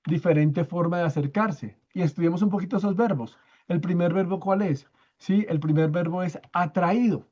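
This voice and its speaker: A man teaching a church Bible study, explaining step by step, often checking in with his listeners and repeating key words slowly for emphasis. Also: high voice, warm tone, lo-fi sound. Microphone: own microphone.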